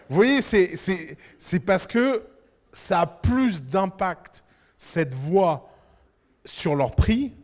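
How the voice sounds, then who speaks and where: High-voiced animated male lecturer. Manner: animated, provocative, talks to the audience directly. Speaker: business conference speaker. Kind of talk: lecture to entrepreneurs. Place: conference hall. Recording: reverberant conference hall.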